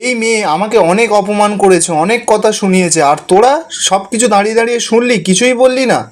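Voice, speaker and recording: Scolding old grandaunt, read by a high-voiced man. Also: quick pace, natural voice. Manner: scolding, indignant. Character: stern angry old grandaunt, woman.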